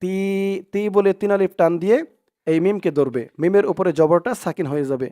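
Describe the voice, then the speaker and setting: A man's voice: high voice, fairly quick, warm tone. A man teaching Quran recitation, spelling out syllables one by one and repeating them for his students. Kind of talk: step-by-step recitation lesson.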